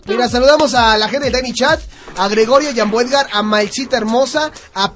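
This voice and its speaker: A man with a Mexican accent hosting a casual radio show, joking around and sometimes shouting. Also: very high-pitched, brisk. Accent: Mexican Spanish. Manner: joking, loud outbursts, laughs while talking. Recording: music playing behind.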